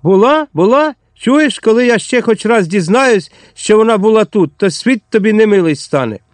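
A man's voice: animated, normal speed, no echo. A man voicing a blustering, cowardly village innkeeper who bullies and then pleads in panic, in an audiobook reading. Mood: blustering threats. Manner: shrill, bullying, turns to pleading panic.

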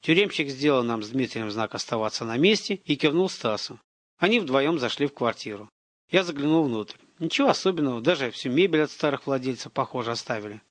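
A man's voice: medium pitch, expressive, brisk, dry recording. A man narrating an audiobook in the first person, in a tense, brooding way.

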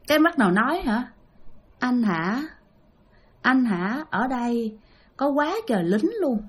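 A woman's voice: high voice, fairly bright tone. A woman with a Southern Vietnamese accent telling a ghost story chattily, often addressing her listeners.

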